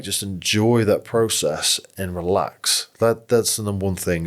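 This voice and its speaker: A man in his forties, a jiu-jitsu coach, giving blunt, frank advice in casual podcast chat with plenty of swearing. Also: fairly low pitch. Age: 40s.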